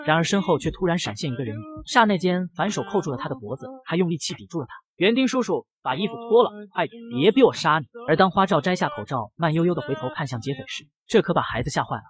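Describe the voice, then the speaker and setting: A man narrating a comic story recap in a brisk, wisecracking way. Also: a little high.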